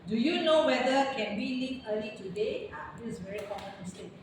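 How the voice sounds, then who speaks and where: A woman's voice: a little high, expressive, far from the mic. Woman teacher in an echoey classroom. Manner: slow, drawn-out model phrasing for students. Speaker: English teacher. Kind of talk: classroom lesson. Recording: echoey, noisy classroom from afar.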